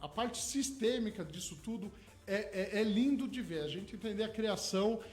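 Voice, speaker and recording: A man's voice: sits high, normal speed, a little mellow. A man, a hypnotherapist guest in a radio studio, eagerly explaining his ideas with everyday examples. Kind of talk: radio interview.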